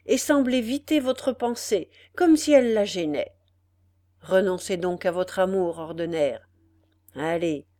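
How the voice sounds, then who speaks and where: A woman's voice: mid-range voice, darkish tone, no room sound, natural voice. Woman reading a grave old captive nobleman. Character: old nobleman prisoner, weary, repentant.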